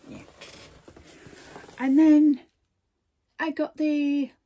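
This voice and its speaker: A woman's voice: sits high, flat delivery, extremely slow, highs cut off. An older woman, chatting casually as she shows off craft supplies at home, rambling and breaking off mid-sentence. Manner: chatty, rambling, self-interrupting. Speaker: crafting vlogger. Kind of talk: casual show-and-tell chat.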